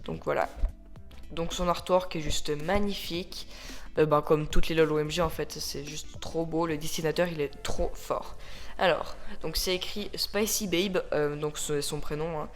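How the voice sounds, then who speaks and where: Casting note: casual home toy-review vlogger, mid-range voice, loose and rambling, keeps self-correcting, mixes in English words, phone mic, soft music under. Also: medium pitch. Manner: rambling and chatty, often correcting itself. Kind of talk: casual unboxing-style review. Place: at home with a ring light. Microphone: phone camera.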